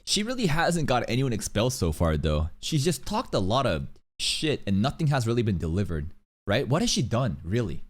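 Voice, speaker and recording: Young male reaction host: casual, slangy, sweary commentary with very animated intonation. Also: mid-range voice, normal speed.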